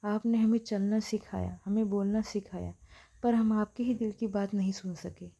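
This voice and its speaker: A woman's voice: medium pitch, steady tone, normal speed, vocal fry, dark tone, highs cut off. A woman voicing a son expressing regret to his mother. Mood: regretful.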